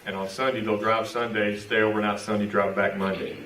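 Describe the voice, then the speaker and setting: A man's voice: lowish voice, level tone, brisk, fairly bright tone, a little hiss or hum. A man giving a folksy, joking talk to a club meeting. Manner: folksy and joking, with Texas slang like y'all. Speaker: visiting speaker at a club meeting. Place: meeting room at a club lunch. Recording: echoey room from far off.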